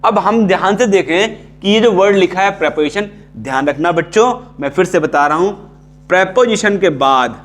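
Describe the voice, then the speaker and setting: Higher-voiced Indian man teaching English grammar. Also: normal speed. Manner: repeats key terms, checks in with "ठीक है". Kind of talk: casual classroom lecture.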